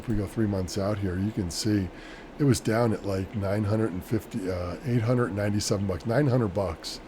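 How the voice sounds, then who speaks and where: A man with a fairly low voice talks casually to his viewers as a solo vlogger. He rambles in a matter-of-fact, unscripted way. Clear background noise runs behind his voice. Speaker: vlogger, small-scale crypto miner. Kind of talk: casual off-the-cuff solo chat.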